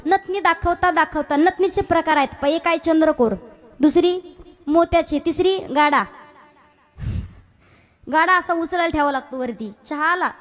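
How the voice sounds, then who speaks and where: A woman with a strikingly high, bright voice leads a devotional kirtan. She tells a humorous village story, acting out the husband and wife in turn. Now and then she sings verses in a slow, drawn-out way. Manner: storytelling with acted village dialogue and audience questions; breaks into sung verses. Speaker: kirtan preacher. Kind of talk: comic devotional kirtan sermon.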